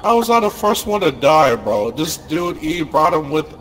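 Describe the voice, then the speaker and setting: A man's voice: a little high, big pitch swings, moderate pace, background noise. A young man joking around with friends while gaming, laid-back in manner. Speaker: gamer. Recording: music playing behind.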